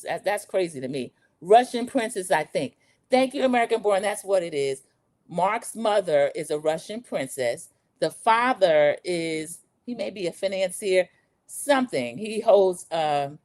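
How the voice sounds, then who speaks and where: A woman's voice: medium pitch, a little mellow, no echo. A woman hosting a casual livestream recap of a reality show, chatty and opinionated, reading comments and saying "y'all". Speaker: host.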